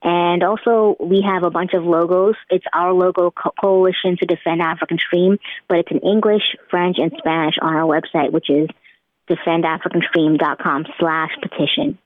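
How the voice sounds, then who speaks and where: A woman's voice: on the low side, fairly even intonation, moderate pace, no echo. Woman on a tinny phone line. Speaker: editor. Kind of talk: interview answer.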